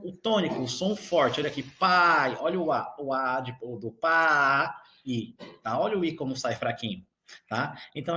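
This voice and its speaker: A male teacher with a Brazilian Portuguese accent gives an online grammar lesson, explaining slowly and often checking in with his students. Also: fairly high pitch, a bit bright. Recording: echoey room.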